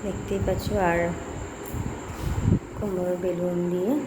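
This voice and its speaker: A woman's voice: fairly low pitch, flat delivery, slow. Young woman vlogging at home, rambling and chatty, roomy echo and lots of noise behind her. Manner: chatty, rambling running commentary. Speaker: lifestyle vlogger. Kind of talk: casual vlog chat. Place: at home, indoors. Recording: echoey room with background noise.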